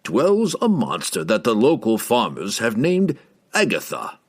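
A man reading aloud, voicing an old male wizard who speaks slowly and ominously. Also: fairly low pitch, huge pitch swings, husky, full character voice. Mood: grave. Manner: slow, measured, ominous delivery.

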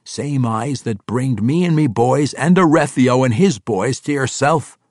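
A gruff, boastful dwarf warlord voiced by a man barks out his plans in blunt, rough common speech, pitched well above the reader's own low tone and pushed louder. The reading is dry and close. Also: a little slow, dry recording, close to an everyday voice.

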